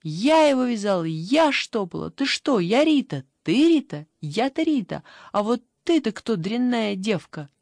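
A woman's voice: sits low, moderate pace, dry recording, studio quality. Woman doing a bossy, sensible older girl. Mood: shouting. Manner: reasoning, scolding, matter-of-fact. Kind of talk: audiobook character voice.

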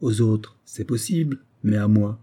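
A man's voice: on the low side, unhurried, mellow, husky. A man voicing a proud, heartbroken young soldier with an emphatic delivery in an audiobook reading. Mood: pained. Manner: pleading then heated, emphatic.

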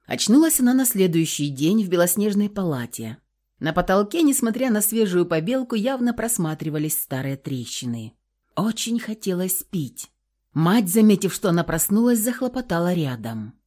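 A woman narrating an audiobook in an expressive, dramatic storytelling manner. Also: on the low side, normal speed.

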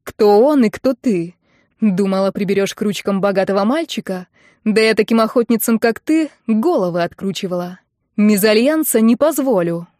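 A domineering wealthy mother of middle age speaks with cold mockery, commanding and sneering at a younger woman. A woman reader puts her on in an audiobook, at an ordinary pitch, close and dry with no room sound. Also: lively intonation, normal speed, darkish tone, no room sound, close to an everyday voice. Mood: harsh.

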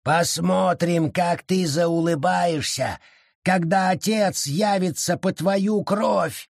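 A man voicing a small, hostile wild forest creature that growls and shouts spiteful threats in an audiobook. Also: high-pitched, slow pace, gravelly, no room sound, studio quality, pitched above the performer's own voice, full character voice. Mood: menacing. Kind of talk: audiobook character voice.

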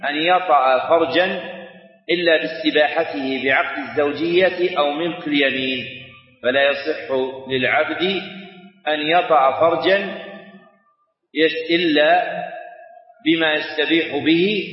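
A middle-aged man teaching a classical Arabic lesson, who dictates in a measured, chanted cadence and repeats each phrase for note-taking. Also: a little high. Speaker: Islamic scholar teaching a text. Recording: roomy hall reverb, distant dull mic.

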